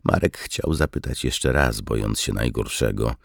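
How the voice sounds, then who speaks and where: A man reading a wartime audiobook in steady, measured scripted narration. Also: a bass voice, creaky, no room sound, studio quality.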